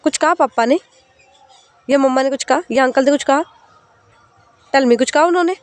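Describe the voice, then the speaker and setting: A woman voicing a tender young woman who keeps gently asking her crying partner what is wrong. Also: high-pitched, normal speed, no echo, pitched above the performer's own voice, close to an everyday voice. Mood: worried, coaxing. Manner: coaxing, repeated worried questions.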